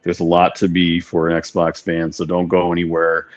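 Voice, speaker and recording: Low, flat man on buzzy call audio. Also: muffled recording. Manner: steady, unhurried, with frequent ums. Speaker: livestream co-host. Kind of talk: casual gaming chat.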